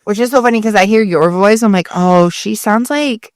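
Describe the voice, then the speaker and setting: A woman's voice: medium pitch, moderate pace, no room sound, clean studio sound. A woman co-hosting a podcast in casual chat, with a Valley Girl way of talking. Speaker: podcast co-host.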